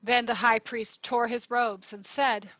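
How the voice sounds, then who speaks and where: A woman narrating a gospel reading in a church service, clear and measured. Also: a little high, level tone, a bit bright, dry recording, low-quality recording. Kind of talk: liturgical scripture reading.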